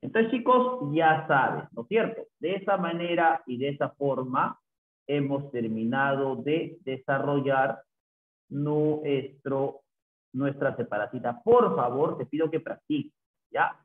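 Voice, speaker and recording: Male teacher, slow drawn-out delivery, tinny phone-like sound in a roomy echo. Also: mid-range voice. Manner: slow, repeats answers, adds "¿no?" tags. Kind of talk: recorded language lesson. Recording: echoey, phone-like lo-fi audio.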